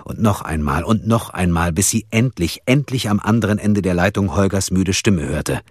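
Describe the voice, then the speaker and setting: A man narrating an audiobook in a steady, measured storytelling voice. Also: low voice, dry recording, clean studio sound. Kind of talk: scripted narration.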